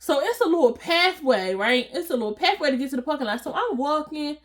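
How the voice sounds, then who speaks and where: A young woman telling a storytime vlog in a casual, slangy way, animated and laughing often as she talks. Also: high-pitched, brisk. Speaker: vlogger.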